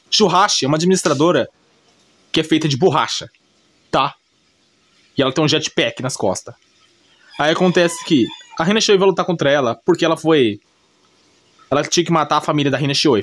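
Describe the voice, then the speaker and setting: A video creator with a Brazilian accent talks through an anime's story in an improvised, colloquial, repetitive style, often adding small check-in tags. His voice is on the high side and a bit bright, recorded dry.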